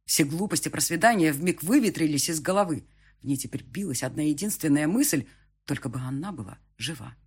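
Slightly high husky guy reading a tense first-person audiobook. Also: animated, fairly quick. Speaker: audiobook narrator.

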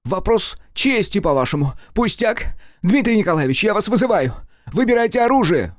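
A jealous young student in a rage, his voice breaking as he shouts, voiced by a man reading an audiobook. The voice sits high and leaps wildly in pitch. It is recorded dry and close. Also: big pitch swings, normal speed, no echo. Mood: furious. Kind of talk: audiobook character voice.

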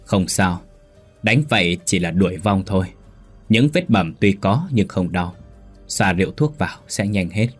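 Brief: middle-aged male exorcist, calm authority, low husky tone, read by the narrator. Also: normal speed, faint music behind. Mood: reassuring. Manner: steady, commanding.

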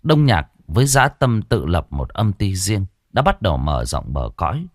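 Deep-voiced male ghost story narrator. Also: very animated, normal speed, no echo, clean studio sound.

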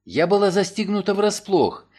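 A man's voice: high voice, lively intonation, normal speed, a little mellow, voice pushed up. A man voicing an anxious young woman who was robbed, speaking in a raised, breathless and pleading way in an audiobook. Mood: agitated.

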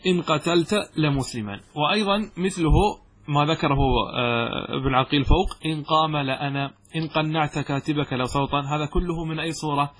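A man's voice: on the high side, fairly bright tone, slightly rough. A man teaching Arabic grammar in a classroom lecture, explaining step by step and posing questions to his students that he then answers himself.

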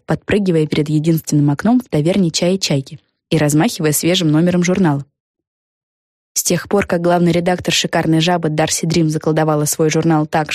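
A woman reads a children's story aloud in a lively, expressive way. Her voice sits low and she is recorded dry and close. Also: no echo. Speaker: audiobook narrator. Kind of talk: scripted storybook narration.

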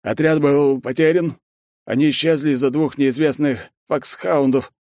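Man doing a jittery deferential general, pitched up, strained, audiobook. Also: fairly even intonation, normal speed, a little mellow, dry recording, studio quality, close to an everyday voice. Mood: nervous. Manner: anxious, deferential, reporting. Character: stout middle-aged general, nervous, servile.

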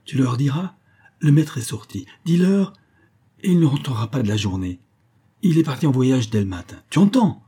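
A man's voice: mid-range voice, lively intonation, moderate pace, hardly any pauses, mellow, breathy edge. A man voicing a flustered, sleepy country landowner in a storybook reading, blustering in panicky outbursts. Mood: bossy.

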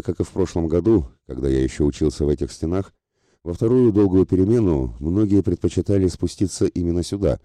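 A man narrating a first-person audiobook in a steady, measured way. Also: low voice, no room sound.

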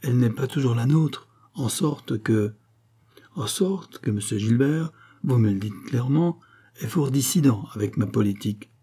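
A man's voice: medium pitch, animated, moderate pace, mellow, slightly rough. A man reading a novel aloud, playing a stubborn, fretful king who talks in an insistent, peevish way.

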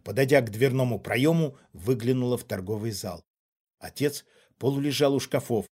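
Husky male audiobook narrator. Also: medium pitch, normal speed, a little mellow. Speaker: audiobook reader. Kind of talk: scripted first-person narration.

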